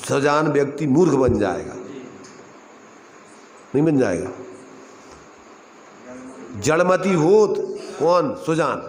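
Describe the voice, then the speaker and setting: A man teaching a scripture class. He keeps asking his listeners questions and chants a verse line slowly. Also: fairly high pitch, a little hiss or hum. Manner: asks the audience questions again and again, chants a couplet slowly. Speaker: religious teacher. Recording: roomy hall with faint ambience.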